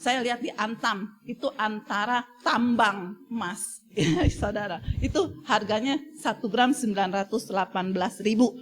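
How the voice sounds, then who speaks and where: A middle-aged woman preaching a sermon in an animated way, often turning to the congregation and rising to emotional peaks. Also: medium pitch, moderate pace. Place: church service streamed online.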